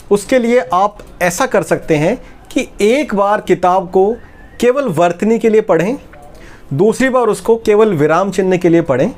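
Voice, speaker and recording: A publishing instructor with a high, slightly mellow voice gives a step-by-step tutorial, talking to viewers as if they were friends.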